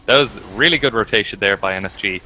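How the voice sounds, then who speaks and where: A man's voice: fairly low pitch, quick pace, bright, forceful tone, rough recording. A man with a west of Ireland accent giving casual, chatty game commentary with joking banter as an esports co-caster.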